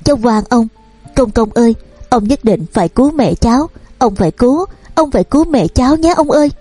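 Storybook reading: a desperate young girl begging through tears, high and hurried, read by a woman. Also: lively intonation, warm tone, breathy edge, no echo, faint music behind. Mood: pleading. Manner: sobbing, begging.

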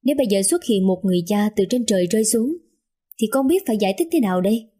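A man's voice: high voice, lively intonation, fast, dark tone, breathy edge. A woman voicing a hot-tempered young man who speaks curtly and threateningly to his mother. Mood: angry. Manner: curt, demanding and threatening.

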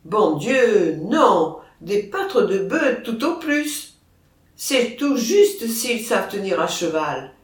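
A reader voicing a proud, scornful male horse who mocks the herdsmen, in a slow, lively storybook reading. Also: mid-range voice. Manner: boastful, mocking. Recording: roomy, distant mic.

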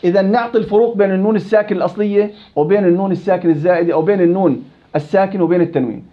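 Quick Levantine Arabic teacher drilling students. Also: male voice, high voice, muffled recording. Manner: quizzes students, repeats words to drill them. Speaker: Quran recitation teacher. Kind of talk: interactive tajweed lesson.

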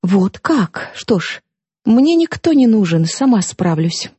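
A woman's voice: mid-range voice, sing-song, slow pace, slightly rough, no room sound, exaggerated voice. A woman reading an audiobook, voicing a defiant, mocking young woman who lashes out at her sister. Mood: scornful. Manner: sharp, mocking, impassioned outbursts.

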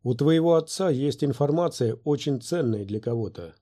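A man's voice: mid-range voice, lively intonation, normal speed, mellow, voice pushed up, close to an everyday voice. A man voicing a firm, impatient adult Jedi master in an audiobook, a little raised.

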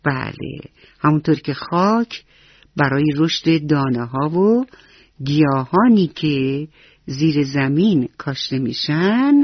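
A woman's voice: low-pitched, expressive, long pauses, dry recording, dull audio, voice pushed down. A woman voicing a loving old grandmother who speaks in a tender, reassuring way.

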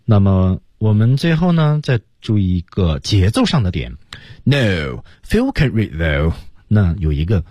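A male radio teacher in a studio gives a bilingual English lesson in a low, husky voice. His pitch swings widely, and he leaps sharply upward when he demonstrates English phrases. The sound is dry and close. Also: big pitch swings, unhurried, darkish tone, no echo. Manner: breaks into English phrases with big exaggerated pitch jumps to demonstrate them.

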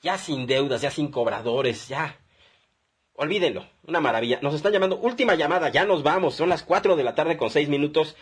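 A man's voice: on the high side, fairly quick, husky. A man with a Mexican accent hosting a call-in radio advice show, chatty and upbeat as he reads listener messages and phone numbers.

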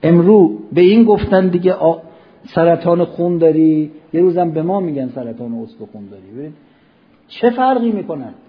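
A middle-aged man preaching a Ramadan sermon, asking rhetorical questions and swinging between soft and loud. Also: a little high, slightly rough. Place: mosque hall. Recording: dull lo-fi recording.

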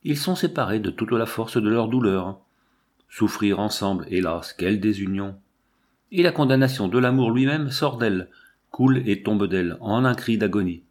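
Low-voiced man narrating a novel. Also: darkish tone. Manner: measured, dramatic reading. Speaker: audiobook reader. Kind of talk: scripted literary narration.

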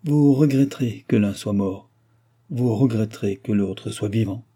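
A solemn sorcerer with a menacing, measured delivery, as a male audiobook reader plays him. The voice is dark and husky. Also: lowish voice. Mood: prophetic.

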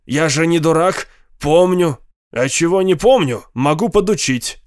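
A man voicing a scheming, moody middle-aged uncle who talks in a sly, coaxing way, pitched higher than his narration. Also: expressive, normal speed, no room sound, clean studio sound, close to an everyday voice.

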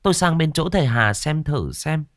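A man's voice: on the high side, lively intonation, normal speed, no echo, clean studio sound, voice pushed up, close to an everyday voice. A man voicing an elderly village wife who fusses worriedly over her husband in a ghost story. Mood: fretful. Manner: worried, fussing.

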